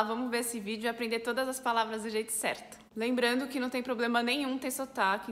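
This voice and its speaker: A woman with a Brazilian Portuguese accent, a French teacher, explaining pronunciation clearly step by step. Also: on the high side, fairly bright tone, big-room sound. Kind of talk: pronunciation lesson.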